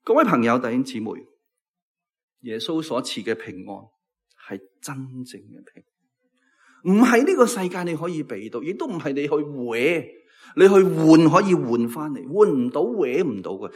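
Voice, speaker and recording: A man preaching a sermon in Cantonese, swinging between loud emphatic phrases and hushed, low endings. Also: very animated, moderate pace, husky. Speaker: pastor.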